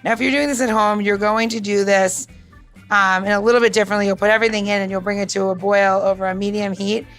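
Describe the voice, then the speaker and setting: Faint music plays behind this podcast co-host as she walks through drink recipes in a quick, steady, slightly bright medium-pitched voice. Her delivery is casual and instructional, informal and emphatic, with plenty of jokes.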